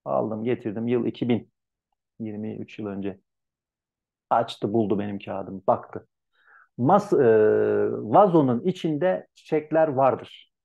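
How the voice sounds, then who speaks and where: Gravelly guy teaching arabic translation online, gets animated, dull lo-fi audio. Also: mid-range voice, takes it slowly. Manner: animated, acts out students' complaints in a raised voice. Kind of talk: online lecture. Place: online class.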